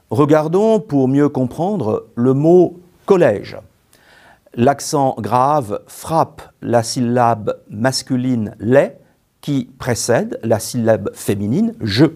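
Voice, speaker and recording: A man narrating a scripted grammar lesson, slow and careful, spelling out syllables one by one. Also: mid-range voice, mellow. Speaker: teacher.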